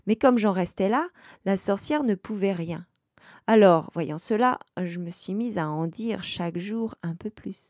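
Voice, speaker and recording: A woman reads a tale aloud at an unhurried, deliberate pace, leaning into dramatic pauses and lively shifts of tone. Her voice sits at a middle pitch and is recorded close and dry, with no room sound around it. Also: no room sound. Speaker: storyteller. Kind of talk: expressive read-aloud storytelling.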